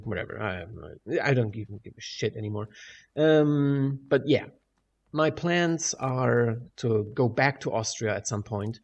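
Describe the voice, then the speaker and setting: A man's voice: mid-range voice, darkish tone, lo-fi sound. Echoey rambling man with a German accent. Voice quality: echoey room sound. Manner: hesitant, rambling, swears casually. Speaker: video creator. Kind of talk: casual rambling update over game footage. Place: echoey room at home with big windows. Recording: big echoey room, clear background noise.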